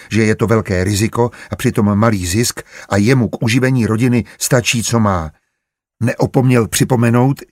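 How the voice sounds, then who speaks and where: A male narrator reading a historical novel in an even, measured way. His voice is low and husky. The recording is dry and close, with no room sound. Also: no room sound. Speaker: audiobook narrator. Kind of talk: scripted narration.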